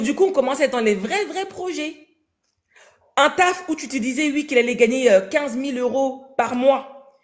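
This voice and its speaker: A young woman tells her story in a relaxed interview, full of street slang and quick asides. Her pitch sits a little high and swings widely as she goes, and she slips into voices when she quotes people. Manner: animated, slangy, acts out dialogue in quoted voices.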